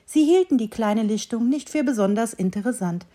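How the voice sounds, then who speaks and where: A woman reading an Advent story aloud in a calm, clearly paced storytelling voice. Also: a little high, moderate pace.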